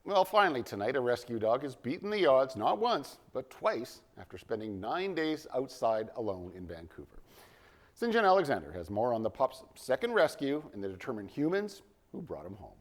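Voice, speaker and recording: A man anchoring a TV newscast from the studio, reading script in a polished, lively way. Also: medium pitch, normal speed. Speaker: news anchor.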